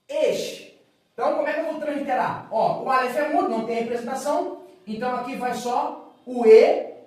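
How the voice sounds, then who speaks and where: A man with a Brazilian Portuguese accent teaching a recorded biblical Hebrew lesson. He is patient, repeats words and keeps checking that students follow. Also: very high voice. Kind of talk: recorded online lesson at a whiteboard. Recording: very echoey room, voice from far off the mic.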